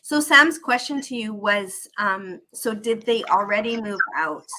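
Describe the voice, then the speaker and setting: A woman's voice: medium pitch, lively intonation, a little slow, sharp tone. A woman hosting a live investing stream over a video call, upbeat and chatty, with a slightly scratchy throat. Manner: upbeat, chatty, repeats herself. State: throat irritated, candy in mouth. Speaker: host of a live real-estate investing show. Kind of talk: live-stream host chat.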